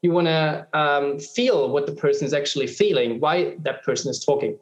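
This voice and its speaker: A man speaks as a guest expert, explaining things patiently and often pausing on filler ums and restarts. His voice sits a little high. The recording has a noticeably roomy echo. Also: highs cut off. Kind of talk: explanatory conversation.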